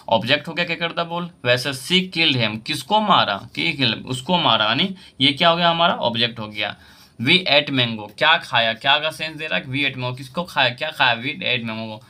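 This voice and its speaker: A man's voice: on the high side, sharp tone. A young man teaching an English grammar lesson in Hindi, explaining step by step and asking himself questions over his examples.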